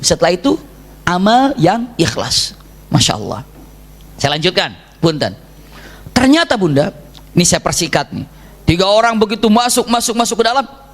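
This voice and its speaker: Animated male preacher with a lilt. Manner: animated, swings pitch widely when voicing story figures. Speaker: preacher at a women's study group. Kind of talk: sermon storytelling.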